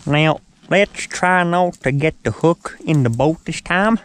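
A man's voice: on the high side, animated, unhurried, fairly bright tone, clean tone. A man with a Southern accent hosting a fishing show, chatting in a folksy, joking way from a boat on a lake. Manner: folksy, joking, calls his buddy "son". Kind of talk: casual chat while fishing.

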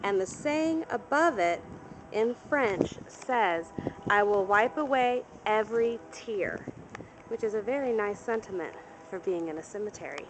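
A woman gives a walking-tour commentary outdoors, pointing things out as she strolls through a cemetery. Her voice sits at an ordinary pitch, picked up by a handheld camera mic. A faint outdoor ambience hums underneath. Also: animated, unhurried, background noise. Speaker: travel vlogger. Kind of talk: on-location guided tour narration.

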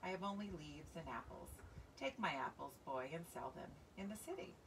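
A woman voicing a loving, selfless old female tree in a storybook, gentle and unhurried. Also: sits low, lively intonation. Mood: gently giving. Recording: distant mic, clear outdoor background noise.

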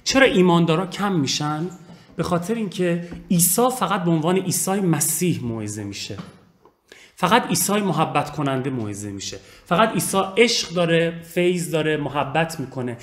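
A man's voice: on the high side, expressive. A man preaching a sermon, earnest and emphatic, repeating phrases and addressing his listeners directly.

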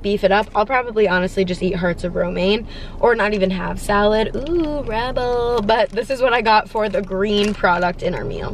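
A woman's voice: mid-range voice, a little hiss or hum. A young woman vlogger in bubbly, casual chat, talking to a dashboard camera from a parked car. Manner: bubbly, chatty, animated hand gestures. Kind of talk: casual grocery haul chat.

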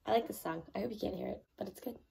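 A woman's voice: medium pitch, rapid-fire, gravelly, warm tone, slightly rough. A young woman vlogging in casual chat, chatty and giggly, filmed on her phone. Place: bus on a trip. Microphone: phone camera. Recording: crowded bus with chatter and noise.

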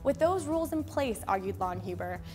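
A young woman hosting a scripted explainer in a studio, speaking clearly and upbeat into a lapel mic. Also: mid-range voice, lively intonation, a little fast, darkish tone, soft background music. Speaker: host. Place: studio with a plain gray backdrop.

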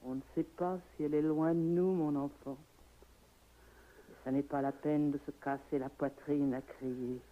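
An actress playing a calm old servant in a 1960s radio drama, speaking quietly and bluntly. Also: female voice, deep voice, normal speed, natural voice. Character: calm old servant Georgine, weary and matter-of-fact. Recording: muffled old radio recording.

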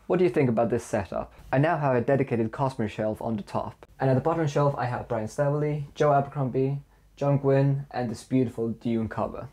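A young Faroese man from the Faroe Islands, whose first language is Faroese, gives a scripted book review in a mellow, medium-pitched voice. Seated in a room lined with bookshelves, he enthusiastically lists his praise in measured steps.

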